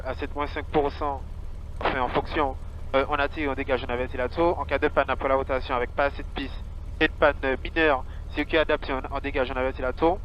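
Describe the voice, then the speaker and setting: A man working as a pilot, calling out checklists and radio calls in a small aircraft cockpit. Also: mid-range voice. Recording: dull cockpit audio with engine hum.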